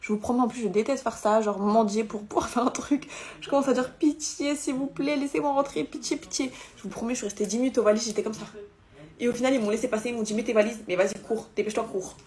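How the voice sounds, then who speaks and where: Fast-talking woman telling a storytime vlog. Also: fairly high pitch. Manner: animated, exasperated retelling with acted-out dialogue. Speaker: vlogger.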